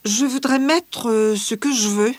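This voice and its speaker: A friendly teenage schoolgirl, played by a woman talks slowly and clearly in a scripted language-exam interview. Her voice sits fairly high for a woman. The recording is dry and close, with no room sound. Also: no echo. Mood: calm chatty. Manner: measured, clearly articulated scripted delivery. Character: cheerful teenage Australian schoolgirl, fashion-loving.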